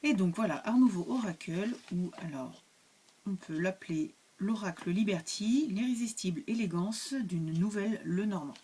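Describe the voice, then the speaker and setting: A woman's voice: mid-range voice, moderate pace, dark tone, a little hiss or hum. A woman hosting her own cartomancy channel, reviewing a card deck in casual chat, hesitant with many fillers and restarts.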